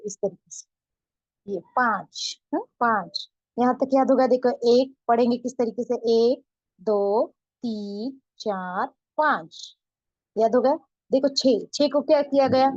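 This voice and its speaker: Female teacher, higher voice, patient repeating style, dull dry lo-fi recording. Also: darkish tone, dry recording. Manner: slow drawn-out counting. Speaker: Urdu teacher. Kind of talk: online beginner lesson.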